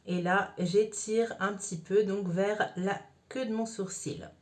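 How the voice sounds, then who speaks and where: A woman talks viewers through her makeup in a relaxed, chatty way. She narrates each step as she goes, with plenty of small fillers, at a middling pitch for a woman. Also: slow, a little hiss or hum. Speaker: makeup vlogger. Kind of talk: casual makeup tutorial.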